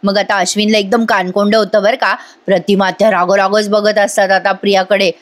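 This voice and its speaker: A woman's voice: mid-range voice, level tone, a little fast. A woman giving a chatty voice-over recap of a TV serial, speaking to her viewers directly with little asides. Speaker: TV serial reviewer.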